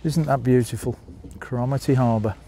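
Filming on a handheld phone as he walks a small seaside town, a vlogger with a Birmingham accent narrates a tour and chats to viewers he calls folks. His mid-range voice is warm and steady at a normal speed, with a little hiss or hum.

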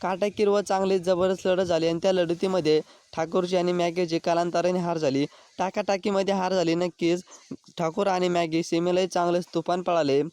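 High-pitched man narrating race news. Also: level tone, a little fast, darkish tone, clean tone, no room sound. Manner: repeatedly addresses viewers as friends. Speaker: channel host.

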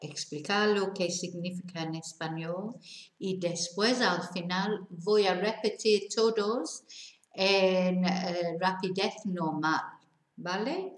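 A woman from England with a Manchester accent, teaching a bilingual language lesson and slowly reading out example sentences. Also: lowish voice, roomy sound, rough recording. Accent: Northern English, Manchester. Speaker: English teacher.

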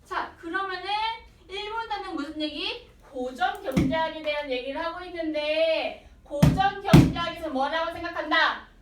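A woman's voice: very high-pitched, normal speed, roomy sound, far from the mic, very noisy. A woman tutor giving an online lecture on a reading passage, asking students questions and acting out little scenes. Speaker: Korean language tutor. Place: small room with air conditioning.

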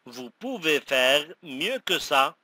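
Crisp, bright man reading lesson phrases. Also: on the high side, sing-song, dry recording. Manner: says each phrase twice, slowly and clearly. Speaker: language teacher.

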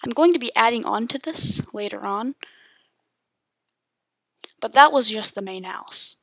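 A woman's voice: on the high side, a little slow, vocal fry, husky, dry recording. A woman giving a casual, rambling voice-over tour of her game world, with lots of ums and likes. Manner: relaxed, rambling with many ums.

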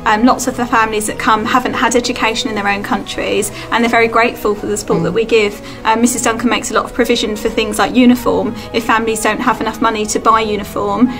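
A woman's voice: on the high side, level tone, fast talker, few pauses. A middle-aged woman teacher answering interview questions in a school, explaining her points fluently. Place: school corridor, indoors. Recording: with loud background music.

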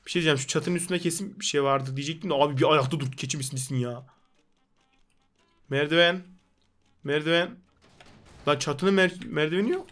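A young man with a high voice gives rowdy, excited gameplay commentary. He jokes and scolds the game characters in a put-on comic street manner. Faint music plays beneath his voice. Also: a little fast, long pauses. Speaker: gaming YouTuber.

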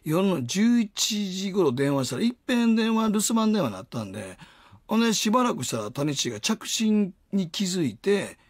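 Kansai male host, husky and high-pitched, animated spooky storyteller. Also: normal speed, dry recording, studio quality. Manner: animated storyteller, acts out voices and sounds. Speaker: radio host. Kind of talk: casual ghost-story chat.

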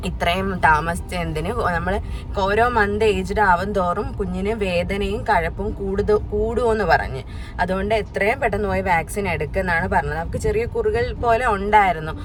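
A woman's voice: mid-range voice, noisy background. A young woman chatting casually to her viewers as a family vlogger, often adding a friendly tag to her sentences. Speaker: family vlogger and clothing seller. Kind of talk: casual vlog chat. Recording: background music under the voice.

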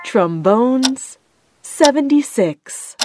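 A woman working as a bingo caller, announcing each call deliberately in short, separate phrases. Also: high-pitched, expressive. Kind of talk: bingo calling with rhyming nicknames, announced number by number. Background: music.

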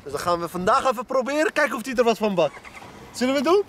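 High-voiced man chatting over clear noise. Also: expressive, fast talker, fairly bright tone, reverberant. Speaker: motorcycle driving-school owner. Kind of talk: casual chat. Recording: clearly noisy handheld camera audio.

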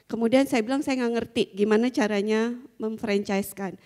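Middle-aged woman, conference speaker, fairly high voice, chatty and full of fillers, handheld mic, long hall reverb. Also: steady tone, brisk, a little mellow. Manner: chatty storytelling with frequent fillers and small laughs. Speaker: school founder giving a conference talk. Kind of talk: conference talk. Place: large conference hall with a seated audience. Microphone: handheld microphone.

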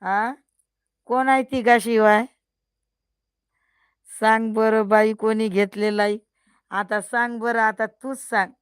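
Slow, clear-voiced older woman. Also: a little high, fairly even intonation, no echo, studio quality. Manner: teasing and scolding viewers, often laughing. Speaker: live stream host. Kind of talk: casual live-stream chat.

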